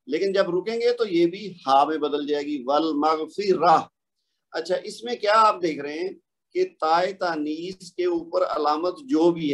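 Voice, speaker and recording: A man with a fairly high voice teaches a recorded online lesson. He explains patiently, one step at a time, and often asks the learner a question before answering it. Each example word is drawn out slowly and clearly. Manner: slows down to draw out example words. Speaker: Quran recitation teacher.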